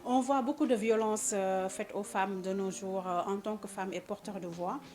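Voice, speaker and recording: Give me a woman interviewer asking halting questions, with faint music in the background. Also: mid-range voice, steady tone, darkish tone.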